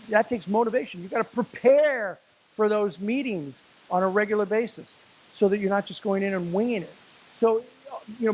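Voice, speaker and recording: High-voiced man giving a motivational talk. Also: low-quality recording. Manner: storytelling, slows down for emphasis. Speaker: speaker at a business networking event. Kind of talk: motivational speech with a told joke.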